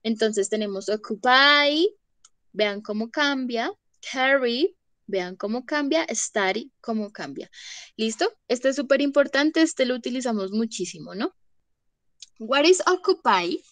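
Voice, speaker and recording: A woman's voice: on the high side, expressive, measured pace, a bit bright, no echo. A young woman teaching an online English grammar class, patiently checking that students follow along.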